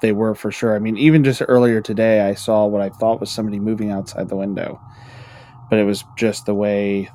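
Rambling, low-voiced man. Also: flat delivery, brisk, dark tone. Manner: rambling, with many fillers and restarts. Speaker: podcast co-host. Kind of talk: casual chat and reading spooky stories.

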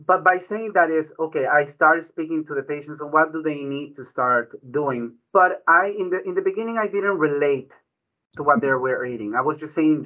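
His bright voice runs on the high side as this Ecuadorian physician guest gives a conversational explanation. He keeps tacking on "right?" and restarting sentences, and the audio is dull and lo-fi.

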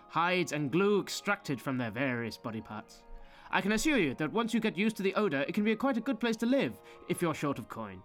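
A sly, grim tour guide, played by a man, leads newcomers through a fetid city, theatrical and sardonic as he savours every grisly detail. His voice sits a little high, and faint music plays underneath. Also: a bit bright. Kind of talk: scripted fantasy narration.

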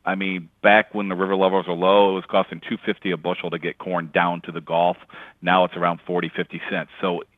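A man calls in by telephone to give his take on the markets, his voice sitting low and unhurried. He talks in a relaxed, chatty way, leaning on little fillers as he goes. The phone line makes him sound thin and tinny, with no room around him at all. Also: dry recording. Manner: relaxed, conversational, with frequent "you know" fillers. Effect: heard over a phone line. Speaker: grain and livestock market analyst. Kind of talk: casual market commentary in an interview.

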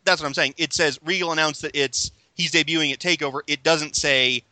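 Casual bright man hosting a pod, lots of ums and restarts, dry mic. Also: a little high, fairly even intonation, fairly quick, no echo. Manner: chatty, hesitant, many fillers and restarts. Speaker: podcast host. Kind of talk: casual chat.

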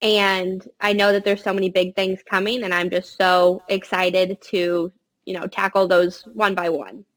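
A young adult woman giving casual interview answers in an upbeat, earnest way, speaking from a quiet room. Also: mid-range voice, level tone, a little slow. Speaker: podcast guest, family farm-consulting business co-runner. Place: quiet space in a college library.

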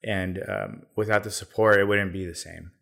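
Very low-voiced man chatting casually. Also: moderate pace, creaky. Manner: relaxed, rambling, many fillers. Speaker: podcast guest, business owner. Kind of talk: casual conversation.

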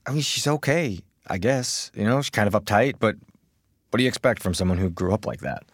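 An actor from the United States playing an easygoing, awkward young American commoner who stammers and hesitates. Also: male voice, on the low side, expressive, a little fast, no echo, studio quality. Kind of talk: audio drama acting.

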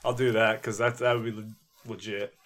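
A man's voice: fairly low pitch, flat delivery, brisk, a bit bright. A man in casual group banter as a podcast host. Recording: clearly noisy room.

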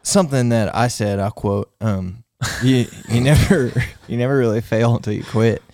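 A man's voice: medium pitch, moderate pace, a little mellow, no echo. A man with a Missouri accent, chatting casually on a podcast. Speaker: podcast cameraman.

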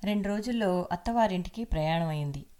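A woman narrates a serialized audio novel with a steady, measured delivery. Her voice sits slightly low for a woman, and her telling stays even and composed. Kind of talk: scripted storytelling narration.

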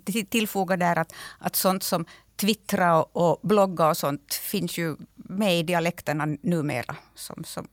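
A woman's voice: lowish voice, steady tone, hardly any pauses, dry recording, clean studio sound. A woman guest adding points in an interview, with hesitant starts. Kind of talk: interview answers.

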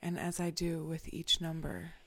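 A meditation guide leading a guided meditation, often whispering soft, calm instructions. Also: medium pitch, moderate pace.

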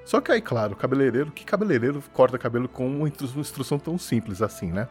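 Male podcast co-host, mid-pitch, animated storyteller who laughs easily, faint music underneath. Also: rapid-fire. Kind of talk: casual storytelling chat.

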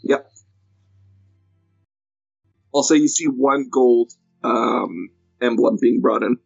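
Gravelly man narrating as game master. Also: medium pitch, no echo, lo-fi sound, soft background music. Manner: measured, hesitant with many uh and um.

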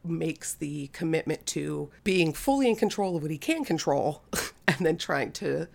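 A woman with a scratchy, fry-laden voice, recovering from a cold, co-hosting a casual book podcast in a loose, conversational way. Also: deep voice, animated, a little slow, darkish tone. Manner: hesitant, conversational, with frequent "like" and "kind of". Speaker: podcast co-host.

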